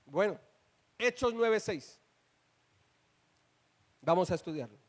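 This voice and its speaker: A male pastor with a high, expressive voice preaches slowly to his church. He emphatically fires rhetorical questions at the congregation and calls on them to respond and repeat his words.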